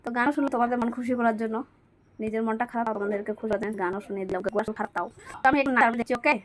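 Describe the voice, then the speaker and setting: A woman's voice: a little high, racing, slight background noise. Chatty woman cooking, voice slightly thick. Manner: chatty, repeats herself, keeps pleading with viewers. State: voice a little thick today. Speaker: cooking vlogger. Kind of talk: casual cooking vlog chat. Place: small home kitchen. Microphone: camera propped to one side.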